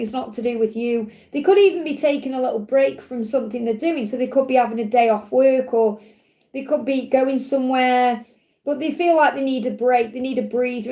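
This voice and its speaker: A middle-aged woman hosts a live tarot reading. Her voice sits high but has a mellow, relaxed tone with a slight croak. She reassures the listener, restating each point in short parallel phrases. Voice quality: slightly croaky when hot. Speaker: tarot reader, live show host.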